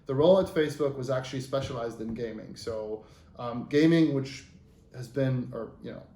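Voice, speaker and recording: Talking at a normal speed in a dark-toned voice of ordinary middle pitch, a man in his thirties from Lebanon, whose first language is Arabic, walks through his career as an interview guest. He's loose and conversational, with many fillers and restarts, and the room adds a noticeable echo.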